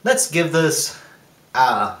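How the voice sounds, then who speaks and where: A man giving a casual, thoughtful taste review of his own beer, pausing often with fillers and restarts. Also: on the high side, big pitch swings, a bit bright, echoey room. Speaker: home brewer.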